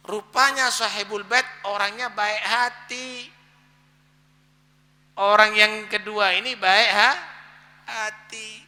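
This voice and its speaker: Bright-voiced, dramatic male preacher. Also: high-pitched, level tone, slow pace, long pauses, long reverb tail. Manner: dramatic storytelling, swings from loud to hushed. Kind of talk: sermon.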